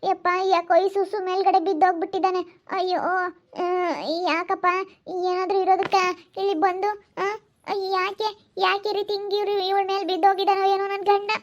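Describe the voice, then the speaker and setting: A woman voicing a startled young village wife who fusses loudly and repeats her questions, with a Hiriyur Kannada accent. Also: extremely high pitch, level tone, brisk, muffled recording. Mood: alarmed. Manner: loud, fussing, repeats questions.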